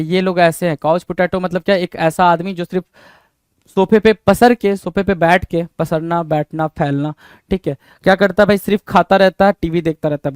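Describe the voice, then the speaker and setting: Man teaching vocabulary, clear voice. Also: high-pitched, dry recording, clean studio sound. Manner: asks rhetorical questions and answers them himself, repeating key words. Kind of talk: exam-prep vocabulary lesson.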